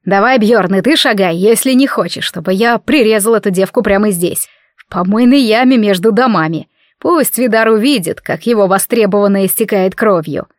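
A woman doing a hysterical male villain in an audiobook, all nasal hisses and snarls, dragging his threats out slowly. The voice is dry and close, with no room sound around it. He sits at an ordinary middle pitch. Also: dry recording, natural voice. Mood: gloating. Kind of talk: audiobook character reading.

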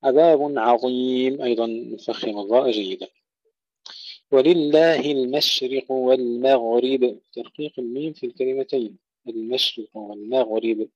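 A man's voice: mid-range voice, normal speed, darkish tone, no room sound, dull audio. A man teaching Quran recitation rules, explaining precisely and repeating words to show correct pronunciation. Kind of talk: tajweed lesson explanation.

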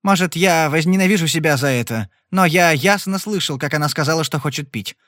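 A cocky young gambler with a smooth, mocking tongue, as a male narrator plays him. His voice sits a touch high for a man and sounds dry and close. He stays cool and sarcastic under threat in this storybook Western. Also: a little fast, fairly bright tone, dry recording, lightly acted.

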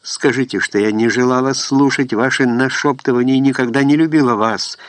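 A man's voice: medium pitch, fairly even intonation, fairly quick, no echo, voice pushed up, lightly acted. A man voicing a distraught pleading young woman. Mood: anguished pleading. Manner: trembling, sobbing and pleading.

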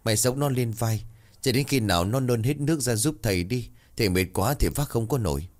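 A man's voice: medium pitch, a little fast, pitched above the performer's own voice, close to an everyday voice. A man voicing a hot-tempered old exorcist teacher who scolds and curses. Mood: urgent.

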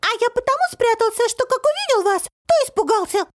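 A woman doing a shrill tiny storybook man. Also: fairly quick. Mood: excited. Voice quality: thin piercing squeaky voice. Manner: shouting, indignant, excitable. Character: tiny shrill boastful long-nosed little man. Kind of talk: children's storybook reading.

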